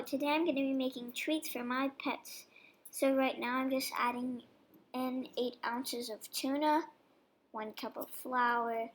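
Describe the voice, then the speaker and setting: A high-sitting female voice, with a little hiss or hum in the background, narrates a casual dog-treat baking demo. The young vlogger is chatty and laid-back, describing each step of the recipe.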